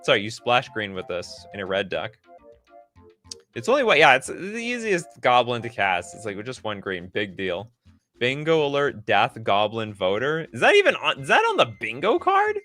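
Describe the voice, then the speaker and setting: A man streaming live, reacting loudly and sarcastically while rating cards and answering chat. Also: medium pitch, wildly swooping pitch, moderate pace, soft background music.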